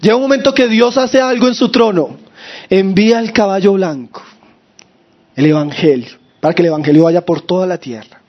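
High-voiced preacher with a sore throat. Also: male voice, moderate pace, muffled recording. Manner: preaches with rhetorical questions, calling listeners brothers. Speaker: pastor. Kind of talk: sermon.

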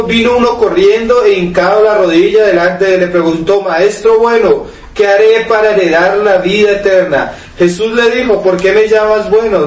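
A man preaching a sermon, asking rhetorical questions and reading scripture aloud to his listeners. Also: high-pitched. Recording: echoey room, mic at a distance, faint noise.

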